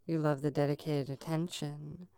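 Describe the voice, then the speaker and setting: A woman speaks in a low, very smooth voice, close and intimate, as if right in your ear. She delivers an adult hypnosis monologue at an unhurried pace, coaxing and lingering on words. The sound is dry. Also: level tone, dark tone, dry recording.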